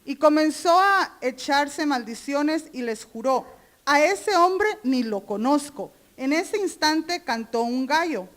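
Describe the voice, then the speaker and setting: High-voiced woman reading scripture. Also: lively intonation, takes it slowly, fairly bright tone. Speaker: scripture reader. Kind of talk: reading Bible verses aloud.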